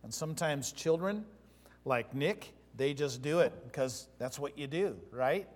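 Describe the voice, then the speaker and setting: A man's voice: on the high side, expressive, unhurried. Storytelling preacher man in a reverberant hall. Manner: storytelling preacher, emphatic, swings from loud to soft. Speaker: pastor. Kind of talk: sermon.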